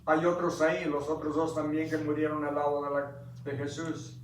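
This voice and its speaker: Impassioned preacher, echoey distant church. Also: male voice, on the high side, level tone, normal speed, a little hiss or hum. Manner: impassioned, quizzes the congregation, builds to loud climaxes. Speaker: pastor. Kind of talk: sermon with Bible reading. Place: church sanctuary.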